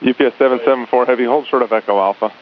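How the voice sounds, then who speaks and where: A man's voice: mid-range voice, racing. A male air traffic controller giving instructions over radio in a conversational, repetitive way. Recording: phone-like narrow radio with faint hiss.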